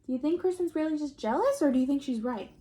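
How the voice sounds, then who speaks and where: A woman's voice: sits high, slight background noise. A woman reading a picture book aloud to children like a teacher, stopping to ask the listeners questions and have them make predictions. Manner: slow and expressive, asking children questions. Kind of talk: children's read-aloud storytime.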